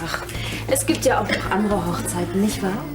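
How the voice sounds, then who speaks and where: Actress as breezy chatty lady guest, a bit off mic, loud music, tv drama. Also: medium pitch, moderate pace, close to an everyday voice. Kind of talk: TV drama acting. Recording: distant mic, loud music, clinking dishes.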